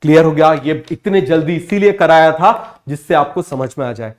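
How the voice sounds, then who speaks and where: A young man teaching biology for an exam, drilling students with repeated quick questions and answers, and using English terms with an Indian accent. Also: on the high side. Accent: Indian English terms within Hindi speech. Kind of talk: exam-prep lecture.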